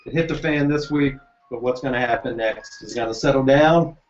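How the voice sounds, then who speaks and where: A man co-hosting a casual TV recap chat, relaxed, teasing and analytical. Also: medium pitch, a little fast, soft background music. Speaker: co-host. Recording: roomy, dull lo-fi recording.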